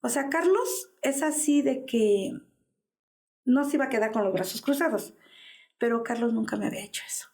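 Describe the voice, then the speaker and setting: A woman's voice: fairly high pitch, animated, moderate pace, darkish tone. A woman in her fifties with a Mexican Spanish accent, giving an interview as the mother of a missing man and telling an anguished story that acts out the dialogue. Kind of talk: personal testimony in an interview.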